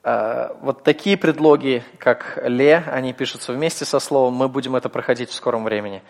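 A man's voice: medium pitch, fairly quick, vocal fry, long reverb tail. A man teaching a class, explaining step by step in a patient manner with frequent hesitations. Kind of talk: classroom lecture.

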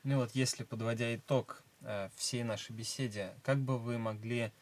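A man's voice: mid-range voice, fairly even intonation, moderate pace, dry recording. A man hosting a religious interview, asking polite, formal questions. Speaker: host.

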